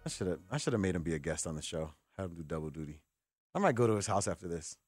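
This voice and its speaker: A man with a deep, slightly rough voice hosts sports radio from a studio, talking very fast. He chats casually and tells animated stories, acting out the dialogue himself. The recording has no room sound, with faint music playing behind him.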